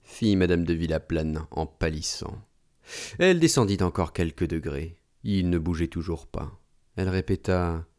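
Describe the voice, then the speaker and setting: Deep-voiced man reading a novel aloud. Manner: measured and expressive reading. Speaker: audiobook narrator. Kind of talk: literary audiobook narration.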